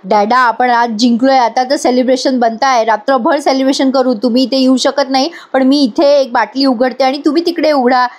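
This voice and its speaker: A woman voicing a scheming young woman who gets loudly drunk while gloating. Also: high voice, fairly even intonation, fairly quick, few pauses. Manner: loud, boastful, slurred celebrating.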